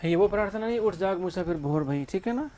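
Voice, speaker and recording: High-voiced man teaching a class. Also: animated, fast, mellow, slight background noise. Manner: asks the class questions and answers them himself. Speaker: English teacher. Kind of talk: classroom grammar lesson.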